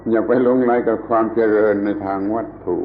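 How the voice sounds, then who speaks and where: A man's voice: lowish voice, steady tone, fairly quick, slight background noise. A man giving a plain, emphatic Buddhist Dhamma talk, repeating his points as he teaches. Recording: phone-like old tape recording.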